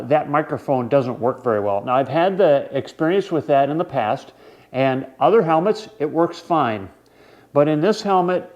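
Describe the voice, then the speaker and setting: A vlog host with a medium-pitched voice explains gear in a casual, conversational way, halting now and then and stretching out words. His tone is darkish, and the high frequencies are cut off.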